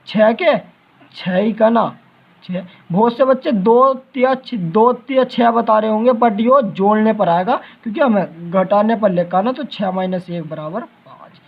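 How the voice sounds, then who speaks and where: A man's voice: high voice, unhurried, highs cut off. A math teacher, giving a lecture in which he keeps asking his students questions and answering them himself. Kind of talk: classroom-style lecture.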